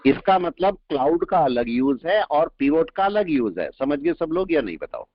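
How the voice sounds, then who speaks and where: A man teaching a live trading class, explaining points and quizzing his students with quick questions. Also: on the high side, sing-song, no room sound. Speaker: trading instructor. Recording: dull lo-fi audio, dry.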